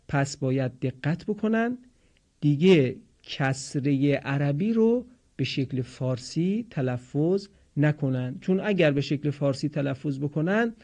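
Mellow man teaching pronunciation slowly. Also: fairly high pitch. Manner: slow, drawn-out model words, patient explaining. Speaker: Quran recitation teacher. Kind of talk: pronunciation lesson for listeners.

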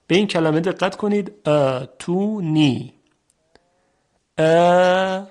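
A man giving a recorded language lesson, speaking slowly and deliberately and stretching out sample vowel sounds as he explains them. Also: a little high, a little mellow. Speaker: teacher.

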